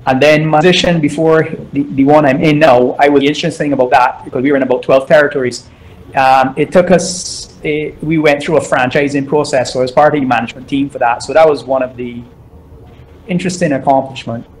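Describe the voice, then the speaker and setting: A middle-aged man from Barbados, giving measured interview answers as a guest entrepreneur and often repeating words while he gathers his thoughts. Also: medium pitch, fairly even intonation, a little hiss or hum, poor audio.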